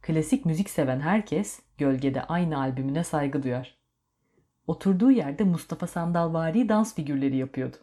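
A woman narrating a story in a steady, measured reading voice. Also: deep voice.

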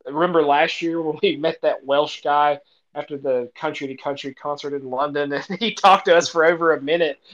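American male podcast co-host, casual and chuckling, fairly high voice. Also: fairly even intonation, normal speed, a bit bright, lo-fi sound. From United States. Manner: laughs often mid-sentence. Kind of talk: casual chat.

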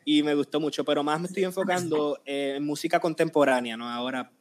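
A Puerto Rican man in his late twenties, a singer telling his story in a casual interview, animated and acting out quotes. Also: fairly high pitch, fast. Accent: Puerto Rican Spanish. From Puerto Rico. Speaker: guest singer.

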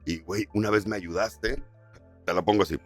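A radio announcer talks fast in a slightly low voice, telling stories in relaxed, slang-heavy podcast chat. Soft music plays faintly underneath. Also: male voice. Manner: storytelling, peppered with slang.

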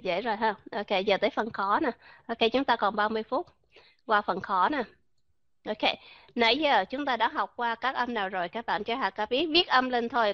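A woman's voice: on the high side, no room sound. Woman, online pronunciation teacher, chatty and questioning, lo-fi computer mic, dry sound. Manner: chatty, peppered with "ok" and English words, rhetorical questions. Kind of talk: live online pronunciation class. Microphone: computer mic in a voice chat room. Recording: dull lo-fi online voice chat audio.

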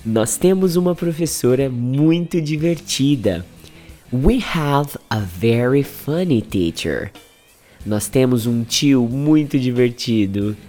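Male English teacher from Brazil, voice hoarse, lively sing-song delivery. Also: mid-range voice. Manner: energetic, quick promotional patter. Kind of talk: language lesson drills.

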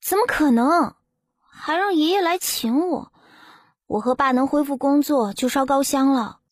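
A woman's voice: high voice, unhurried, no room sound, clean studio sound. A woman playing a proud young wife in an audiobook drama, speaking in an indignant, pleading way. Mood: incredulous.

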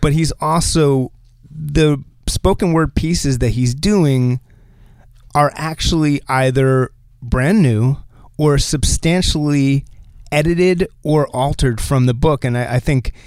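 A man from New Jersey hosting a podcast in casual chat, animated and laughing often as he talks. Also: on the high side, slow pace, no room sound, studio quality. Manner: animated, laughs often, restarts mid-sentence. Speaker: podcast host.

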